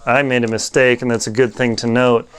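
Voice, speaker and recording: A man giving a casual, unscripted product review, talking in a halting way as he thinks aloud while demonstrating. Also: medium pitch, flat delivery, a bit bright, smooth.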